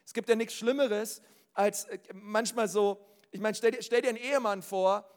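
A man preaching to a congregation in a casual, direct way, often asking the crowd if they follow, swinging between loud calls and quiet asides. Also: sits high, fairly even intonation, normal speed, smooth, long reverb tail. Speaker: pastor. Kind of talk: lively sermon to a congregation. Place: hall with a live congregation.

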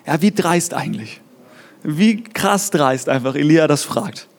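A man's voice: on the high side, animated, unhurried. A man preaching a casual, chatty youth sermon, talking straight to his listeners with lots of "hey" and "ja". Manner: chatty, peppers talk with "hey" and "ja". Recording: reverberant hall.

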